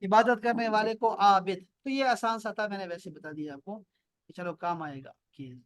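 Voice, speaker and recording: A patient Arabic teacher with a high-pitched voice and a Pakistani Urdu accent runs an online class by video call from his home near an airport. He goes over terms slowly and repeatedly, quizzing students by name.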